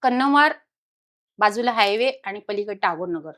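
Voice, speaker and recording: Animated woman telling a ghost story. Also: medium pitch, normal speed. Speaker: podcast guest. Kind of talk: recounting a personal haunting story.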